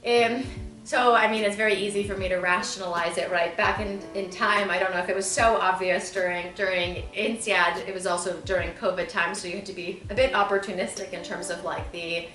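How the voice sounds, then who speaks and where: Brisk and steady, her medium-pitched, fairly bright voice carries through roomy echo and faint music from a distant mic. She's a woman in her thirties, Bulgarian-born and raised in Southern California, answering interview questions conversationally and often going off on asides.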